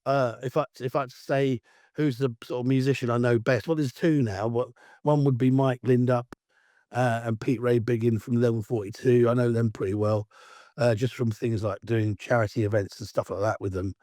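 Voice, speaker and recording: A middle-aged man from Essex with an Essex accent and a croaky, hoarse voice from allergies, talking as a guest in a rambling, chatty way. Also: mid-range voice, steady tone, moderate pace, no room sound, clean studio sound. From Essex, England. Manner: rambling, chatty, self-styled loudmouth. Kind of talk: casual interview chat.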